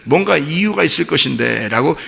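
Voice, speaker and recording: A middle-aged man preaching a sermon as pastor, telling a story in an animated way and imitating animal cries. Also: on the high side, fairly quick, gravelly. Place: church sanctuary. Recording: long reverb of a church hall.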